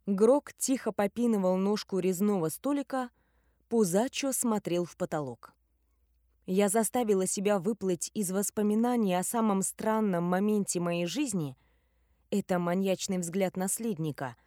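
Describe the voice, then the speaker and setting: Woman, first-person audiobook narration, wry, ironic, mid pitch, dry studio. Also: moderate pace, dark tone, dry recording.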